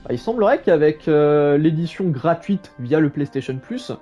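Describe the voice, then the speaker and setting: A man's voice: fairly high pitch, expressive, normal speed, highs cut off. A man hosting a gaming video with casual commentary, musing aloud in an informal way. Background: soft game music.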